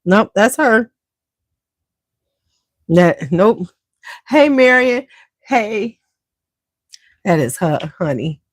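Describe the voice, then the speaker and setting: A woman's voice: medium pitch, lively intonation, very slow, pauses often, no echo. A woman hosting a beauty livestream, chatting casually and slangily straight to her viewers.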